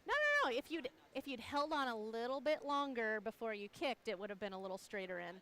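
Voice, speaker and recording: A woman's voice: a little high, big pitch swings, fairly quick, pushed and bright. A woman giving casual, technical feedback on dives at the poolside. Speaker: diving coach or knowledgeable spectator.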